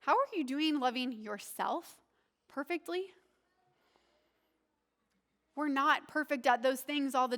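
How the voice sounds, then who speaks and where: Woman pastor, high voice, earnest and conversational sermon delivery. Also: fairly bright tone. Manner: conversational, earnest, asks the congregation questions.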